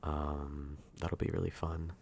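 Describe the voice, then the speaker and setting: A man speaking softly and intimately, close in a soft voice, in a drifting, hesitant ASMR ASMR role-play ramble. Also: very deep voice, flat delivery, slow, creaky. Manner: hushed, intimate, near-soft voice at times.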